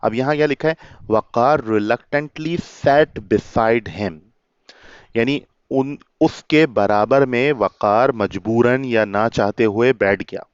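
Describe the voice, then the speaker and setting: A man's voice: mid-range voice, clean tone, no room sound, muffled recording. A man teaching English by reading a children's story aloud and explaining each line in Urdu-Hindi to a child. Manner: reads English lines slowly, then explains word by word; addresses the listener as a child, calls them beta.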